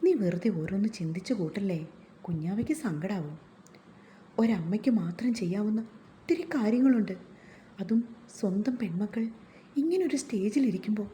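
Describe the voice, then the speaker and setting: A woman voicing a caring young husband who speaks gently and coaxingly in a read-aloud story. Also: mid-range voice, lively intonation, normal speed, pauses often, slight background noise, close to an everyday voice. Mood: tender.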